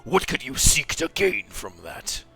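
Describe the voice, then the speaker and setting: A man playing a solemn, grieving adventurer in a tabletop game, speaking in a grave, hushed and deliberate way. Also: medium pitch, sing-song, slightly rough, faint music behind, heavily acted. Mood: grave accusation.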